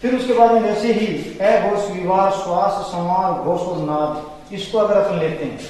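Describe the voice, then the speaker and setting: Male teacher, high-pitched voice, patient explainer, distant mic in a reverberant room. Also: a little mellow, slight background noise. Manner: explanatory, repeats terms slowly for students. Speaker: Hindi grammar teacher. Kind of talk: classroom-style lecture. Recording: echoey room from far off.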